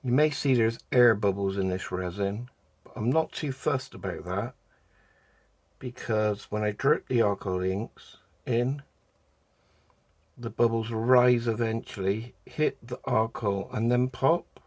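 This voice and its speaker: A resin art vlogger from the United Kingdom talks unhurriedly and chattily while doing hands-on craft work, explaining a resin project step by step in casual how-to narration. His voice is croaky, medium-pitched and darkish in tone, and he clears his throat now and then. The recording is dry.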